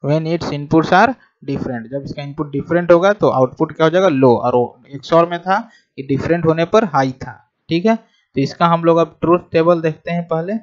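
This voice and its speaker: A male teacher giving a lesson, dictating definitions word by word and often checking that students follow. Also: a little high. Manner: dictates definitions slowly word by word, repeating phrases; checks understanding with frequent "ठीक है" and "समझ में आया". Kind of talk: whiteboard lesson on logic gates. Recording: dull lo-fi recording.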